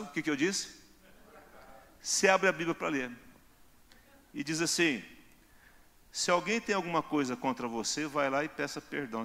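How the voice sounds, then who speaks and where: Male pastor, gravelly mid-pitched voice, acts out scenes in his sermon, loud then hushed. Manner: acts out dialogue, swings between loud and hushed.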